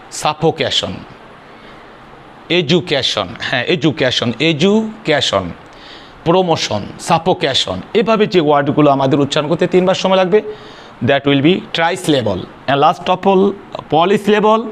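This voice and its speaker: A man's voice: on the high side, a little hiss or hum. A man teaching an English grammar lesson. He spells words out letter by letter, asks questions and answers them himself, and mixes English phrases into his explanations. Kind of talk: spoken classroom lesson.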